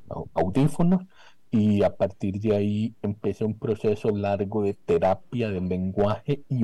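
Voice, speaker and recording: A young Costa Rican man with a Costa Rican accent, answering as a radio guest over a remote call. He speaks articulately and softens his s sounds. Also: lowish voice, no echo, poor audio. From Costa Rica. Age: young adult. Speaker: economist guest. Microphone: remote video call.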